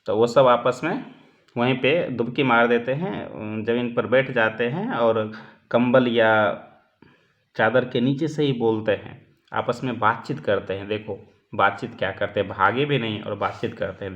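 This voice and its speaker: A male teacher giving a lecture, explaining step by step, asking questions and answering them himself, and often checking in with his students. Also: medium pitch. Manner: keeps checking in with the class. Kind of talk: classroom lecture explaining a text. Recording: dull lo-fi recording.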